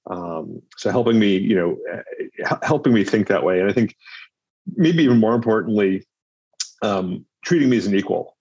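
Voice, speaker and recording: A man's voice: lowish voice, lively intonation, normal speed, darkish tone, slightly rough, no room sound. A man as an interview guest, speaking thoughtfully and repeating words as he searches for them, on slightly dull remote audio. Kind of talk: casual conversational interview.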